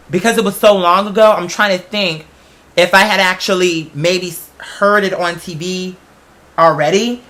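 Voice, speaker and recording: A man with a high-pitched, bright, forceful voice hosts a casual talk show as a podcast host. In this personal storytelling monologue he's chatty and emphatic, dropping self-questioning asides.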